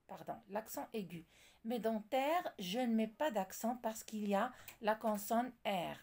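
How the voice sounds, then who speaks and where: Slow, lively-pitched woman teaching French. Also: vocal fry. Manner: slow, deliberate, spells out examples. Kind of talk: classroom lesson explanation.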